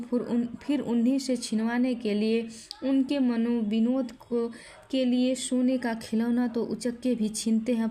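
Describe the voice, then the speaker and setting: A woman voicing a gentle old male wandering ascetic who speaks softly and humbly in a spoken story. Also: on the high side, lightly acted. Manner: soft pleading, humble.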